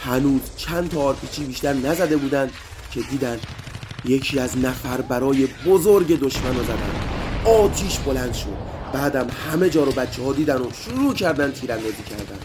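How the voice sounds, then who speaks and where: A man narrating a story and speaking directly to children in a lively way. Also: mid-range voice, noisy background. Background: faint music.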